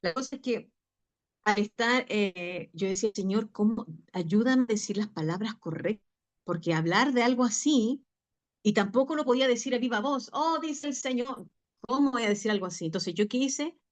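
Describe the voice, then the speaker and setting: A woman's voice: mid-range voice, normal speed. A woman pastor telling a personal testimony in a Bible study, chatty and full of fillers and restarts. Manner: conversational storytelling with many fillers and restarts.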